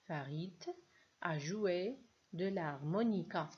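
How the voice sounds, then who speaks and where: A woman teacher speaks very slowly and patiently, spelling out sounds and syllables for young learners. Her voice sits a little low, and the recording is dull and lo-fi. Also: husky. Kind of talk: slow, clear reading lesson for children.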